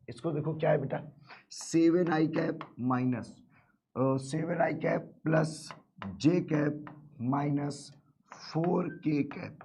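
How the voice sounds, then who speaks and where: Hoarse male math teacher, high voice. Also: dark tone, slight background noise. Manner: calls students "beta", repeats questions to the class. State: sore throat. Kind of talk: live online math class.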